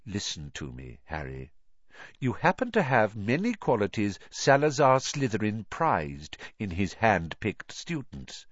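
A man voicing a calm, kindly old male wizard headmaster who speaks in a measured, gentle way. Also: fairly low pitch, no echo, dull audio, exaggerated voice.

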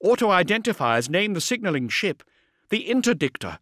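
A man voicing a brisk female communications officer on a warship bridge, giving clipped technical reports in a raised voice. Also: high-pitched, sing-song, fairly bright tone, no echo, studio quality, pitched above the performer's own voice, full character voice. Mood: brisk reporting.

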